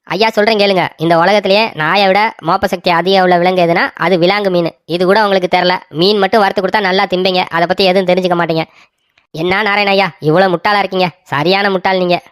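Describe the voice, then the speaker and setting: A smug, know-it-all village man from a cartoon story sneers and taunts, rattling off his words at a quick clip, as a woman acts him out. The voice sits close and dry, with no room around it. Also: medium pitch, steady tone, clean tone, dry recording, natural voice. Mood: scornful. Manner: taunting, fast and scornful.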